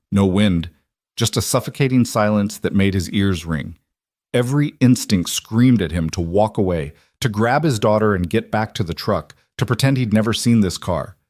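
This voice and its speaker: A man narrating a scripted story in an even, measured way. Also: fairly low pitch, dry recording, clean studio sound.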